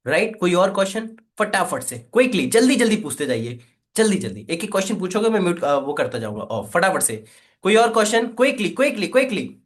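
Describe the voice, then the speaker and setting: Energetic male sales coach, slightly high voice, pushy call-and-response teaching. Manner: energetic, coaxing, repeats "right?" and "quickly". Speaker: affiliate marketing trainer. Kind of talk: live online training session.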